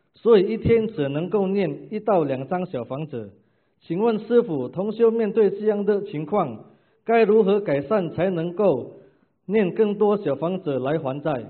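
A man, a disciple, reading out questions in a formal, deferential way, with formulaic thanks. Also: sits high. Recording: tinny phone-like sound.

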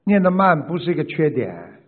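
A man's voice: on the high side, big pitch swings, moderate pace. A man, a spiritual teacher, answering followers' questions in an emphatic lecturing way, with rhetorical questions and laughing asides, over a tinny line. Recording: tinny phone-like sound.

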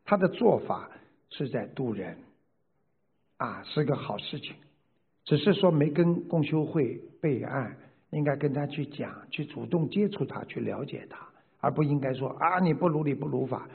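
Gravelly husky man lecturing emphatically. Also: mid-range voice, lively intonation, moderate pace. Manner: emphatic, rhetorical questions, laughing asides. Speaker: spiritual teacher answering questions. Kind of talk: lecturing Q&A answers. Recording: tinny phone-like sound.

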